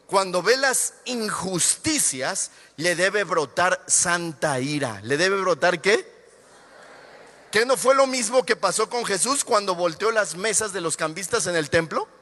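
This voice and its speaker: Predicador mexicano de timbre claro y tenso, enfático, grabado en una sala con reverberación. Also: male voice, high voice, pushed and bright. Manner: emphatic, preaching with rising fervor. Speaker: pastor. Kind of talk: sermon. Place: church sanctuary. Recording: reverberant church hall.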